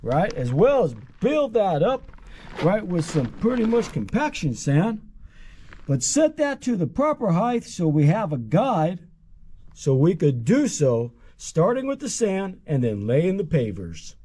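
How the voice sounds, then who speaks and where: A man walks viewers through a backyard build in casual on-site talk, sprinkling "pretty much" and "okay?" through his steps. His voice sits very high with a lively, wide-ranging pitch. The tone is mellow and dark. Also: unhurried. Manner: loose and chatty, says "pretty much" and "okay?" often. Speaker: contractor host. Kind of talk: casual on-site how-to instruction. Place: outdoor backyard work site.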